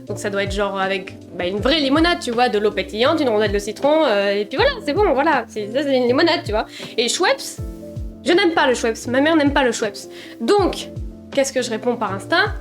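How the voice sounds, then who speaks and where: Young woman, high-pitched voice, chatty storytime vlog, animated and self-mocking. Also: fairly quick, soft background music. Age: young adult. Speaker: vlogger. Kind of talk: casual storytime.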